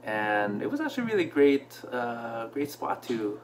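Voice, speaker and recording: A man in his thirties who grew up in Canada, telling a personal story to camera from a small room at home, relaxed and reflective, with many fillers. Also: medium pitch, moderate pace, slight background noise. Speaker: vlogger. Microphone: camera in front at desk distance.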